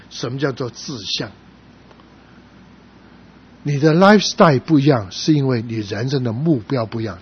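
Animated man preaching a sermon. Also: medium pitch. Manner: storytelling, animated with sudden loud emphatic rises. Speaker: pastor. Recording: slightly dull sound with faint noise.

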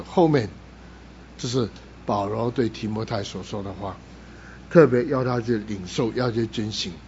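A pastor leading a fervent, repetitive prayer and then a sermon. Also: male voice, medium pitch, a little mellow, muffled recording, a little hiss or hum.

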